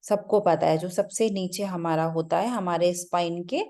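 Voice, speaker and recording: Woman, meditation teacher, mellow warm tone, unhurried spiritual talk, frequent restarts. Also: lowish voice, fairly even intonation. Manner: loose, searching, with frequent restarts and fillers; mixes English words into the talk.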